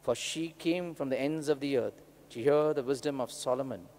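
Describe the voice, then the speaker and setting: A man with an Indian English accent, a priest reading the gospel and preaching in a measured, deliberate way, his voice ringing with cathedral echo. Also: medium pitch, a little mellow. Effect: cathedral echo, long church reverb. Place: large church hall. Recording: long church reverb with faint hum.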